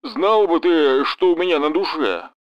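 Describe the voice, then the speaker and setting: A man's voice: a little high, very animated, measured pace, dry recording, dull audio, voice pushed up. A man voicing an easygoing gum-chewing businessman with a southern Russian accent and a hesitant, casual way of talking.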